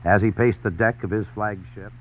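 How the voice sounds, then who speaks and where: The emphatic announcer delivery of 1940s newsreels comes through in this man's turn as a radio correspondent, his fairly low voice steady and at normal speed. The audio mimics a tinny old radio broadcast, faint hiss included.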